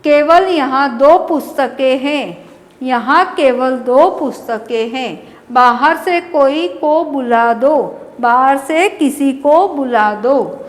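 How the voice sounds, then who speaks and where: A woman schoolteacher giving a Hindi grammar lesson, reading out word pairs slowly and deliberately with an Indian Hindi accent. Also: high voice, in a large hall. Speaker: school teacher.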